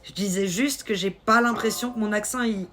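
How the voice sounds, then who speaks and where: Swiss woman chatting on her live stream, light swiss french accent, teasing quick asides, faint hiss behind. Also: mid-range voice, fairly bright tone. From Switzerland. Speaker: livestream host. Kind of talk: casual live-stream chat reading comments.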